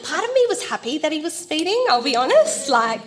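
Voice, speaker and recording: Chatty woman, bit high. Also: very animated, a little fast, a crowd in the background. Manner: chatty storyteller, laughs often. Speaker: podcast co-host. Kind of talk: casual chat at a live podcast recording. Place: stage at a live event.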